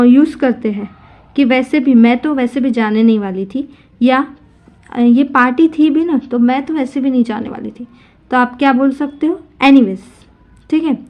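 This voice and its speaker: A woman teaching spoken English in Hindi, saying each English phrase slowly and clearly. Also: high voice, muffled recording.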